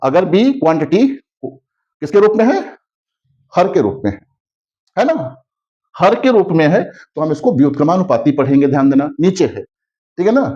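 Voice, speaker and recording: A male teacher giving a classroom physics lesson, who keeps checking understanding with tag questions and slows down to spell out key terms. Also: on the high side, sing-song, warm tone. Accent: Hindi. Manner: repetitive, constantly asks "है ना?" checking understanding. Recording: slightly dull lo-fi audio.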